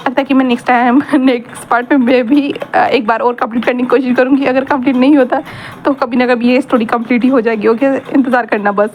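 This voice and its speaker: A woman's voice: high-pitched, steady tone, fast, muffled recording, slight background noise. A woman narrating a fan story in a casual, chatty way, rambling and correcting herself as she goes.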